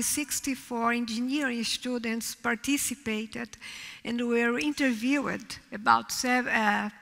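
A woman's voice: fairly high pitch, creaky. Older woman lecturing in a reverberant hall. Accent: Brazilian Portuguese. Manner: measured, trailing off softly at line ends. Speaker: keynote speaker. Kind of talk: conference keynote lecture. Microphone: podium microphone on a stand. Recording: reverberant hall, heard from a distance.

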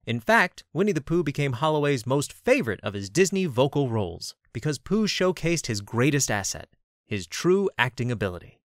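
Expressive man narrating a documentary. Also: medium pitch, moderate pace.

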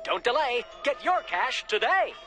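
An actor playing a pushy male announcer in a cartoon ad, salesy and quick. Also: sing-song, pushed and bright, soft background music, exaggerated voice. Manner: salesy, rapid pitch. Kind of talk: cartoon voice acting.

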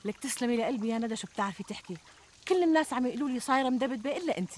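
An actress playing a plump, middle-aged Syrian housewife who complains expressively and plaintively in a TV comedy. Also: female voice, a little high, animated, racing, a little mellow, lightly acted. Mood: fretful. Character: plump, fretful, self-deprecating housewife and mother. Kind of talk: conversational TV comedy sketch acting. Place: outdoors in a garden. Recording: outdoor ambience, trickling water noise.

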